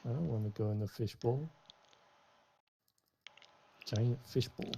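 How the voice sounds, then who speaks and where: A man's voice: medium pitch, measured pace, creaky, mellow, slight background noise. A man playing a tabletop role-playing game, chatting casually and improvising in character.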